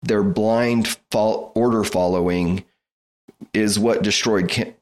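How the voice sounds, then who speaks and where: Lowish male podcast co-host, thoughtful and analytical. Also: fairly even intonation, slow pace, darkish tone. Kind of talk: casual chat.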